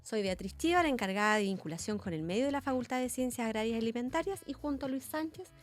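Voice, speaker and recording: A woman's voice: a little high, animated, fast, faint music behind. A woman co-hosting a university podcast conversation, laughing often. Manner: laughs often, warm filler sounds. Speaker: podcast co-host.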